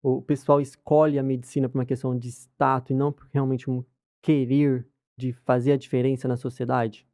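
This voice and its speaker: Mellow, dry-sounding podcast host. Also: medium pitch, flat delivery, fairly quick, no room sound. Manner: informal, uses "tipo assim" and "né". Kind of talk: casual podcast interview.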